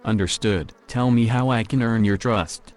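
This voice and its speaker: A man's voice: lowish voice, normal speed, darkish tone, close to an everyday voice. A synthetic text-to-speech man's voice playing a blunt, sardonic vampire recruit in video game dialogue. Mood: dry.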